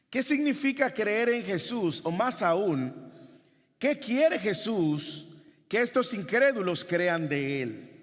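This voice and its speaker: High-voiced emphatic male pastor preaching. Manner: emphatic, with repeated rhetorical questions. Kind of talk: sermon. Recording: long hall reverb.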